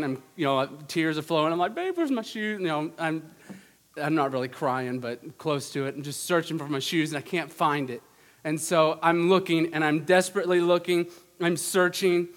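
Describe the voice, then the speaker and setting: Man, sermon, conversational, self-deprecating, high-pitched, reverberant hall. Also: fairly bright tone. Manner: conversational, self-mocking storytelling. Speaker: preacher.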